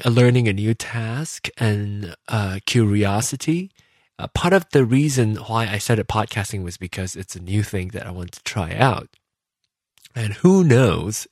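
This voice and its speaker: A man hosting a podcast, talking casually and reflectively about himself, often pausing and rephrasing as he thinks aloud. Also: fairly low pitch, dry recording. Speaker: podcast host. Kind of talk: casual reflective personal monologue.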